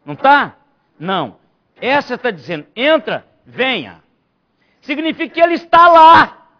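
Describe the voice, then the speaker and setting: A man's voice: very high voice, sing-song, moderate pace, vocal fry. A man, a pastor, teaching a Bible study and stressing key phrases by repeating them. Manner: emphatic preacher, repeats key phrases, rising to near shouts. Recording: dull lo-fi church recording.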